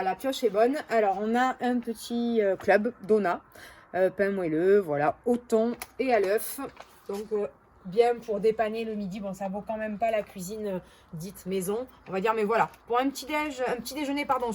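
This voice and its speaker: A woman's voice: a little high, a little mellow, slight background noise. A woman with a Marseille accent chatting casually to camera as a vlogger, hesitant and often correcting herself. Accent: Marseille French. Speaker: vlogger reviewing bargain hauls.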